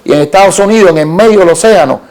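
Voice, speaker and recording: A man from Cuba with a Cuban Spanish accent, telling an animated story as an interview guest, with halting restarts and repeated words. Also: sits high. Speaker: interview guest, art collector.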